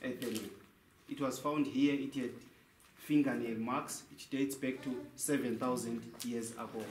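Inside a large, echoey cave with faint noise, a young guide leads a tour using a handheld mic while the camera sits a few meters off. His medium-pitched voice has fairly even intonation and a measured pace, and he asks questions only to answer them himself.

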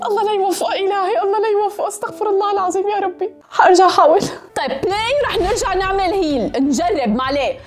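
A woman's voice: extremely high pitch, racing, hardly any pauses. A young woman commentating a horror game, dramatic, shrieking and muttering oaths as she plays. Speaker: gaming YouTuber. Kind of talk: excitable let's-play commentary. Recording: game music behind.

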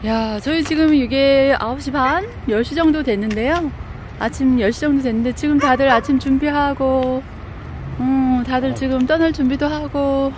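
Recorded on a phone outside, with plainly audible background noise, this casual vlog follows a woman around a campground. She's chatty and exclaims a lot, speaking at normal speed in a high-pitched voice with fairly even intonation.

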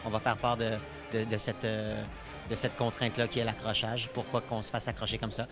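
A man with a Quebec French accent, a boxing trainer speaking in a halting interview with many restarts. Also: lowish voice, completely flat delivery, music in the background. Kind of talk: casual interview.

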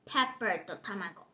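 A woman's voice: a little high, highs cut off. A young girl casually reviewing candy at a home table, chatty and giggly, now and then slipping into English phrases. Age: child.

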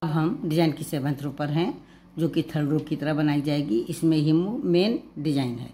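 A woman with a Hindi accent explains a knitting pattern stitch by stitch in a patient, unhurried way. Her voice sits low and warm, never sharp. A faint hiss of background noise stays underneath her words. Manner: calm, patient, repeats each step slowly. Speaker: knitting teacher. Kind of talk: step-by-step knitting tutorial.

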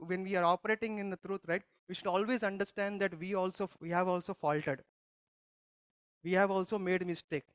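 A man's voice: high-pitched, a bit bright, clear, resonant tone, dry recording. A male pastor giving a conversational sermon, teaching by putting questions to the congregation and often restarting his sentences. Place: church service.

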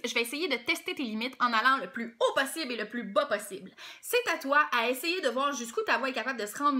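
Bright, playful Québécois singing teacher woman. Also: high voice. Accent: Québécois French. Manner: playful, animated, demonstrates sounds. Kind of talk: vocal warm-up lesson.

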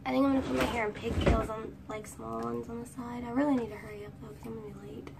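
Filmed on a phone held at arm's length in a small room, a vlogger in her twenties chats through a get-ready-with-me storytime as she does her hair, rambling and breaking into bits of songs. Her high, girlish voice is quick and steady with vocal fry, and the distant phone mic catches faint room ambience amid very noisy surroundings.

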